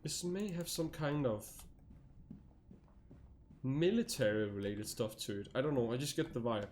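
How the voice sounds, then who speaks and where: A man's voice: animated, moderate pace, a little mellow, slight background noise. A man streaming a horror game, talking in a rambling, casual way and laughing often. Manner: rambling, laughs often, jumps to high yelps. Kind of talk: casual gameplay commentary.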